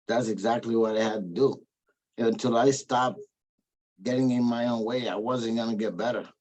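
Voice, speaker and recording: A man, a former treatment client, giving a heartfelt, emotional testimony in a halting, rambling way, with many "you know what I mean" asides. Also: medium pitch, a little mellow, low-quality recording. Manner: emotional, sincere.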